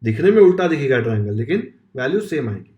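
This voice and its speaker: A man's voice: mid-range voice, sing-song, quick pace, lo-fi sound. A man with an Indian accent teaching maths step by step, often stopping to check that students follow. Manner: explains step by step, often asking rhetorical checks. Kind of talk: Hinglish classroom lesson. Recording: roomy echo.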